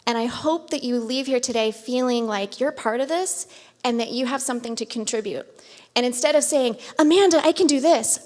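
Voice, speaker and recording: Upbeat woman speaking in a reverberant hall. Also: on the high side. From Modesto, California. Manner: earnest, upbeat, emphatic. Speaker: guest speaker. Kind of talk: public talk at a community event. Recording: long reverb of a large hall.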